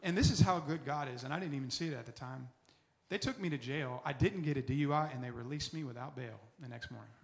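A man in his forties giving an earnest personal recovery testimony, often dropping soft and low as he tells his story. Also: quick pace, vocal fry, hardly any pauses.

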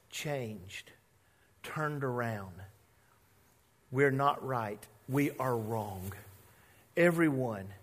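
A man preaching a sermon as pastor, telling stories in an animated way and acting out the voices of the people he quotes. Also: mid-range voice. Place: church sanctuary. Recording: long hall reverb.

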